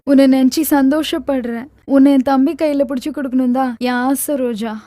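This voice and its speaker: A woman's voice: high-pitched, fairly even intonation, brisk, mellow, dry recording, clean studio sound, lightly acted. An actress playing a tender, anxious middle-aged mother who speaks in a pleading, emotional way, in film dialogue.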